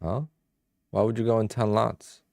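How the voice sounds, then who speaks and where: A young man with a Polish-influenced English accent trades on a livestream, casually thinking out loud and answering questions from chat. His fairly low voice is gravelly and darkish, delivered flatly at a moderate pace, with clean studio sound and no room sound.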